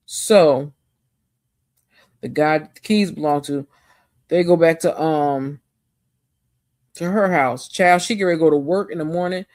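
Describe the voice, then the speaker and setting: Animated woman recapping a show. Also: low-pitched, no room sound, studio quality. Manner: animated, slangy storytelling. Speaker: TV show reviewer. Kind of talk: casual episode recap.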